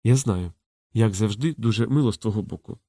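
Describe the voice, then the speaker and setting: A man reading a calm, knowing courtesan in a soft, low and hushed voice. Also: brisk, dry recording. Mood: teasing. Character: frank, teasing courtesan woman, calm and knowing.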